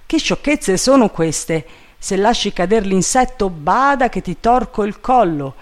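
Impatient, urgent gentleman barking orders, as a man reads him. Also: high voice, animated, measured pace, voice pushed up. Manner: urgent, commanding, raised voice. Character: excitable, impatient male gentleman giving orders.

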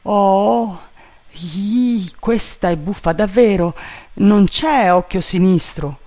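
A man voicing a timid, bumbling male servant up a tree, fretful and loud, in a storybook reading. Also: sits high, slow pace, voice pushed up.

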